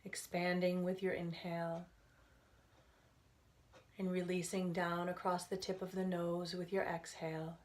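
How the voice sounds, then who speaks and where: A woman leading a guided relaxation as a meditation instructor, speaking gently and soothingly in unhurried phrases with pauses. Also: lowish voice, little pitch movement.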